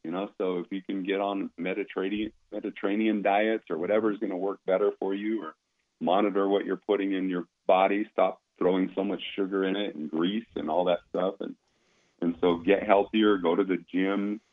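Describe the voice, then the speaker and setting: Deep-voiced man on a tinny line. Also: fairly even intonation, brisk. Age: 50s. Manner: easygoing, explanatory, repeats words as he restarts. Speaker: company founder talking about supplements. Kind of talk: casual interview talk.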